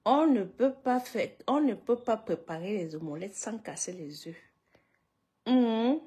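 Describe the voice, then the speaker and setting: A woman's voice: medium pitch, lively intonation, a little slow, mellow, slightly rough. A woman hosting a casual live stream, greeting viewers one by one, repeating herself and laughing often between lines.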